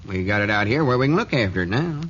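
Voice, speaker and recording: Lum, a bossy old storekeeper on AM radio. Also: male voice, fairly low pitch, animated, quick pace, a bit bright. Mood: self-assured. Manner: scolding, self-assured drawl. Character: old rural male storekeeper, bossy and sure. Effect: old AM radio broadcast sound. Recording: muffled noisy 1940s radio recording.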